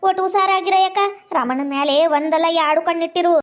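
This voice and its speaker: A very high, piping voice with a North Karnataka accent belongs to a gossipy village woman, as a woman plays her. She drags out her news in a dramatic, long-winded way for a comedy skit. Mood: melodramatic gossip. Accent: North Karnataka Kannada. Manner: drawn-out, dramatic storytelling.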